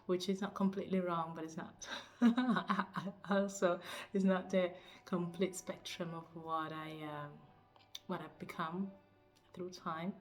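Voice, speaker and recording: A woman from Cuba, a teacher and spiritual coach, introducing herself to camera in a soft, searching way, often laughing and pausing to find words. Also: on the low side, steady tone, soft background music.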